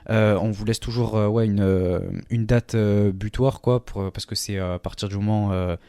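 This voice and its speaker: A man's voice: fairly low pitch, steady tone, normal speed, mellow, clean tone, no room sound, clean studio sound. A man co-hosting a casual podcast, talking with frequent hesitations and fillers. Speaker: podcast co-host.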